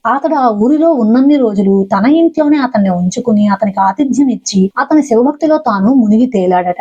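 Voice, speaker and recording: A woman narrating a devotional story in a gentle way, sometimes stopping to advise her listeners directly. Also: a little high, husky, lo-fi sound. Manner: gentle, addresses listeners with advice.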